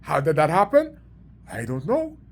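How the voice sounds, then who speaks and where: Middle-aged Bahamian-accented man, somewhat high voice, storyteller who preaches and repeats for emphasis. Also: huge pitch swings, normal speed, slight background noise. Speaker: community sports organizer. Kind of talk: storytelling monologue.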